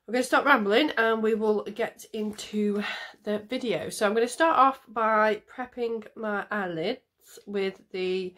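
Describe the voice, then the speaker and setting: With a mid-range, fairly bright voice, this adult mother chats her way through a casual makeup tutorial, congested and nasal from a cold. She rambles on camera as she applies her makeup, dropping lots of ums.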